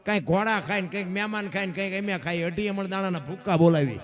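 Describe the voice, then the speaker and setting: A man's voice: sits high, quick pace. A man, telling a folk story in dayro style and acting out the voices of its characters.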